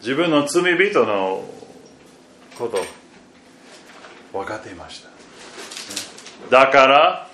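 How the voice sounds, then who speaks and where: Slow, halting male preacher in an echoey room. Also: medium pitch, big pitch swings. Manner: slow and halting, with repeated fillers and restarts; phrases often trail off very quietly. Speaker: pastor. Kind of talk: sermon reading scripture. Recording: echoey room, faint background noise.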